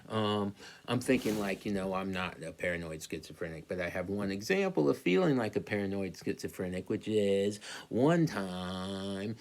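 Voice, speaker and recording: A middle-aged man with a lowish voice gives a recorded literature lecture. He talks in a loose, conversational way, with fillers and restarts, and tells stories where he acts out the lines of other people. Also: lively intonation, normal speed. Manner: conversational, storytelling with acted-out quotes. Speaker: English lecturer.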